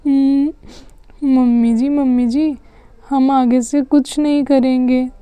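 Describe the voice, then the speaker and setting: A woman's voice: high voice, flat delivery, slow, dark tone, smooth, no echo. Woman doing whiny little kid dolls. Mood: pleading. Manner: whiny, begging, cutesy baby talk. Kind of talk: doll story play-acting.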